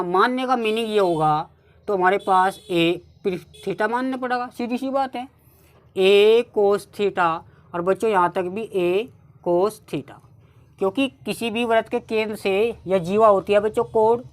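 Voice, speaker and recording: A woman with a North Indian accent teaching a maths lesson step by step, often addressing her students as children. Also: mid-range voice. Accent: Hindi-speaking North Indian. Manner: keeps addressing the class as "children", repeats steps slowly.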